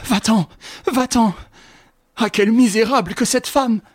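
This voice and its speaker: A man's voice: very high voice, measured pace, no room sound, clean studio sound, pitched above the performer's own voice. A man voicing a distraught woman screaming at her accuser in an audiobook. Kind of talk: audiobook reading.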